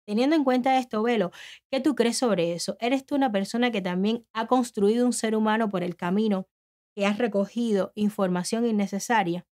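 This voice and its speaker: A woman's voice: on the high side, brisk, darkish tone. A woman in her thirties who hosts an interview show. She speaks in a reflective way and asks her guest questions. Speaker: host. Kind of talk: casual interview hosting.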